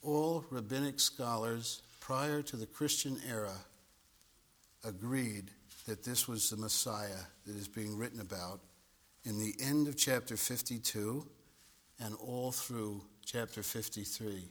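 A man with a somewhat bright voice preaches a sermon into a pulpit microphone in a church. He speaks deliberately, repeating words and building to emphatic high points.

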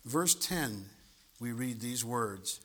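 A man preaching a sermon in a church at a pulpit microphone. He speaks deliberately, repeats words and swells to emphatic high points. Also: lively intonation, bright, forceful tone, a little hiss or hum.

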